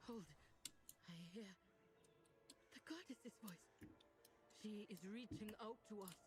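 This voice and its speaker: A woman's voice: mid-range voice, slow, close to an everyday voice. Actress as female troll guide, solemn, fantasy game acting, scripted delivery.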